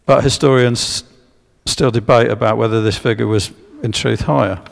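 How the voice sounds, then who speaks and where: In a church, a man delivers a public history lecture with slides, pausing on fillers and restarting sentences as he invites the audience to guess. His middling-pitched voice has a gravelly, creaky edge and fairly even intonation. A long echo from the church hall trails his words.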